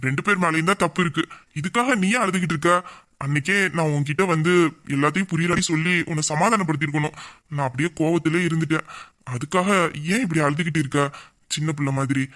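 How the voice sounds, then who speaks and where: A man's voice: fairly high pitch, fast, fairly bright tone, natural voice. A man voicing a young man in an audio drama who patiently comforts and reassures his tearful best friend. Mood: soothing. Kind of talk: emotional audio drama acting.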